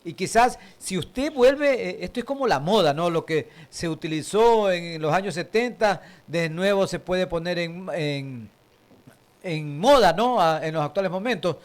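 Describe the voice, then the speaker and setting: Un hombre mayor, abuelo, que conduce un programa de radio con tono jovial, charlando con muletillas y vacilaciones. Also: male voice, high voice, expressive, unhurried. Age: older. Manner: jovial, chatty, hesitant fillers. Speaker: radio host. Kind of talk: casual radio chat.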